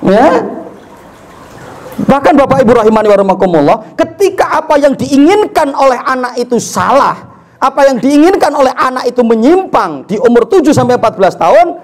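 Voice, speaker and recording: A young adult man preaching a sermon, animated and full of rhetorical questions, acting out little family dialogues. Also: extremely high pitch, fairly quick, rough recording. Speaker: Islamic preacher.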